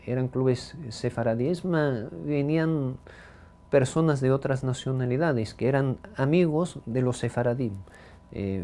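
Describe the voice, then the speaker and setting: Soft-toned Bronx man recounting his life. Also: medium pitch. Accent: Ladino-speaking New Yorker. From the Bronx, New York. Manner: thoughtful, with frequent "eh" pauses. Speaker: interviewee. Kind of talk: life-story interview. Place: his home.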